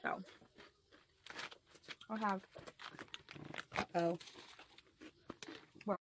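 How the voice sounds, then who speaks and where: A woman vlogging casually to her phone camera at home, chatty and giggly, with many fillers and quick bursts of talk. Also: medium pitch, fairly even intonation, background noise. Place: home, in front of a whiteboard.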